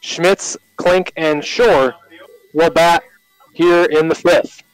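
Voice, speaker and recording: A man with an American accent calling live baseball play-by-play on the radio in short, measured announcer phrases. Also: on the high side, fairly even intonation, smooth, no room sound, faint music behind, rough recording.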